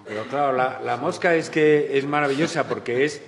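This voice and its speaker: A man's voice: mid-range voice, moderate pace. A man moderating an art panel in a large auditorium, conversational, stammering slightly as he starts phrases. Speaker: panel moderator, museum director. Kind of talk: panel discussion. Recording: reverberant auditorium, faint hiss.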